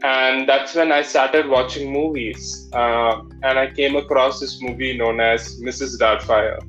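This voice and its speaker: A man speaks English with a clear Malayali accent, telling a personal story as an interview guest. His delivery is halting and conversational. The recording is dull and lo-fi, with music behind him. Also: medium pitch, steady tone, fairly bright tone. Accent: Malayali Indian English. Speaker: interview guest, drag performer.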